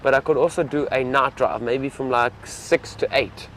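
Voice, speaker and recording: A man's voice: mid-range voice, fairly even intonation, moderate pace, a bit bright, slight background noise. A young man, a safari field guide, chatting casually and enthusiastically to live-stream viewers from an open vehicle outdoors.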